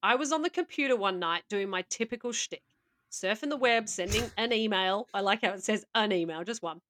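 A woman's voice: mid-range voice, animated, brisk, fairly bright tone. A woman co-hosting a casual podcast, reading out stories with playful asides and laughter. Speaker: podcast co-host.

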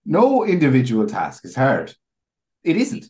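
A man's voice: mid-range voice, huge pitch swings, a little slow, darkish tone. A man in casual podcast chat, dry and jokey with some swearing. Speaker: podcast co-host.

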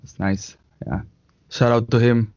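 A man with a Spanish accent, a native Catalan speaker, talks as a guest in halting phrases, restarting often and adding little tag questions. His voice is mellow and soft-edged. The sound comes through a dull, muffled video call. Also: medium pitch, steady tone. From Spain. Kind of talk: casual interview chat.

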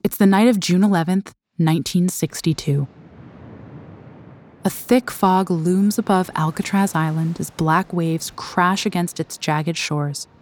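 A woman giving scripted documentary narration, recorded as a studio voice-over, in a measured, dramatic storytelling manner. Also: on the low side, steady tone, a little mellow.

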